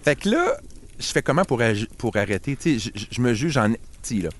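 A man's voice: medium pitch, big pitch swings, a little fast. A man with a Québécois French accent, a tech guest on a podcast, telling a self-mocking story in casual chat. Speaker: podcast guest, tech and social media expert.

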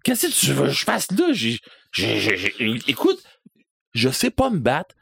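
A man with a Québécois accent voicing a frightened young man who stammers in a high, flustered voice. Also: huge pitch swings, unhurried, husky, dry recording, studio quality, full character voice. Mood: panicky.

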